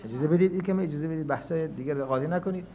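Man lecturing on dull lo-fi audio. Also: fairly high pitch. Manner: reasoning aloud, shifting between quiet and emphatic. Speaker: seminary teacher. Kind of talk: scholarly jurisprudence lecture.

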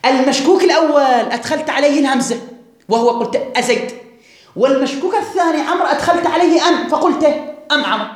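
Woman teaching in an echoey room. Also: high voice. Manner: reads a text slowly, then explains and quizzes the students. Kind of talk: classroom grammar lesson. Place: classroom. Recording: very echoey classroom.

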